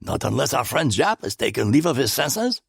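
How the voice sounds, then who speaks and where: A man's voice: on the high side, normal speed, gravelly, slightly rough, no echo, studio quality, voice pushed up, full character voice. A man doing Poirot, a placid, raised-voice Belgian sleuth. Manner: calm, amused, precise, drops French phrases. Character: shrewd, placid older Belgian male detective. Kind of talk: audiobook character voice.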